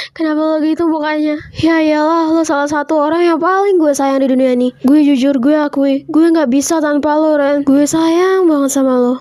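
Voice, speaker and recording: A woman's voice: high voice, fairly even intonation, normal speed, a little mellow, dry recording, studio quality, natural voice. A woman doing a tearful teenage schoolgirl. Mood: earnest. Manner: sobbing pleas and stammered slang. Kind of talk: amateur voice drama for animation.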